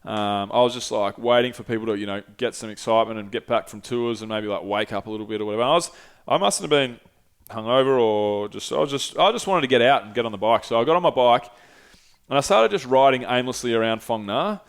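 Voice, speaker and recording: A man's voice: medium pitch, fast, smooth. A young man casually telling a rambling travel story, swearing freely and using lots of fillers. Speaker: podcast guest telling travel stories.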